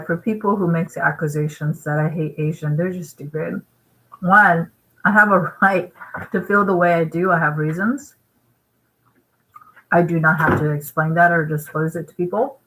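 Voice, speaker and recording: A woman from Vietnam talks straight to her vlog viewers in a low voice. She rambles and pushes her points hard, tagging them with "right?" as she eats. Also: normal speed, bright, forceful tone, a little hiss or hum, poor audio. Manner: rambling, emphatic, with frequent "right?" asides; eating while talking. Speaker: vlogger. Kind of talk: casual talking-head vlog.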